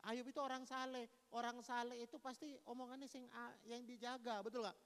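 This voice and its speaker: A man preaching a sermon as pastor, with an East Javanese accent and a lively manner, mimicking gossiping friends. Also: extremely high pitch, brisk, smooth. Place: church hall. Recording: long reverb of a church hall.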